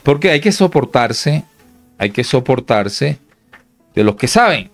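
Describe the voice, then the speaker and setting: A man teaching a Bible lesson at church. He reads verses aloud, explains them slowly and asks the audience questions like "yes or no?". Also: mid-range voice, sing-song, soft background music.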